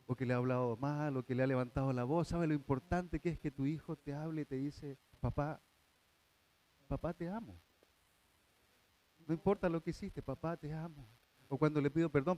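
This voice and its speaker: High-voiced impassioned pastor. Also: male voice. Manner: earnest, swings from hushed to impassioned. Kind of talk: sermon.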